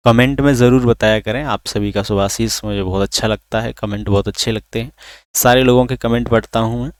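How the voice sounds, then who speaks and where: एक आदमी, जो रिकॉर्ड की गई ऑनलाइन क्लास पढ़ाता है, खुद सवाल पूछकर खुद जवाब देता है और स्वरों को खींचकर बोलता है।. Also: male voice, medium pitch, fairly even intonation, brisk, clean tone, no room sound, clean studio sound. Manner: asks questions then answers them himself; drags out vowels to demonstrate. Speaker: teacher. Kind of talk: recorded online lesson.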